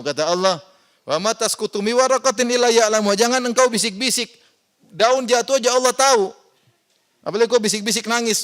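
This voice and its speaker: A man preaching a Quran exegesis lecture in a mosque. He asks the audience rhetorical questions and swings between loud emphatic rises and quiet asides. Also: sits high. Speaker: Islamic preacher.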